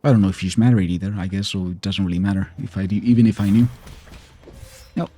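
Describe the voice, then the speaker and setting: A deep, warm voice with a breathy edge talks fast and steady as a streamer casually comments on his gameplay. He keeps muttering to himself and complaining to the boss he's fighting.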